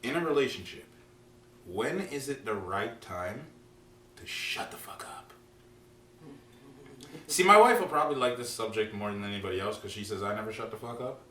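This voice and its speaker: A blunt, profane man co-hosting a casual podcast, his voice bright and forceful with a slightly low pitch. He is recorded a little way from the mic in an echoey room. A faint hum runs underneath. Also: lively intonation, brisk, recorded from a distance. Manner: blunt, profane, heats up when ranting. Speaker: podcast co-host.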